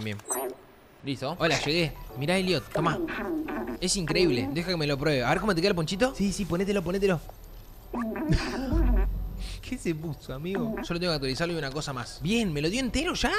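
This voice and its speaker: A man with a Rioplatense accent streaming a video game, chatting casually, swearing freely and reading the game's text aloud. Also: on the high side. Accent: Rioplatense Spanish. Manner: excitable, swears freely, slangy. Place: home streaming setup. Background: game music.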